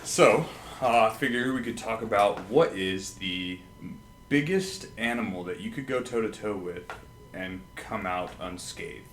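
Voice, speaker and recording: A man guesting on a podcast, with a dry, teasing way of talking. His voice is somewhat low, and it rings with a roomy echo over faint background noise. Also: a little slow, a bit bright. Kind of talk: casual podcast chat.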